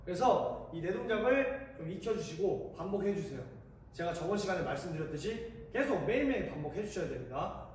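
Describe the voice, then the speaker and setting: A man coaching boxing like a gym coach, calling out counts and commands and explaining technique in an instructional way. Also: high-pitched. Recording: echoey room, distant mic, faint noise.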